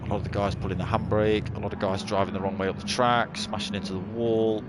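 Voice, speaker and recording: A man's voice: fairly low pitch, little pitch movement, quick pace. A man giving casual, conversational live motorsport commentary on a racing game, calling the action play by play. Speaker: motorsport commentator, livestream host. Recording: loud car engine noise behind the voice. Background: racing game car engines.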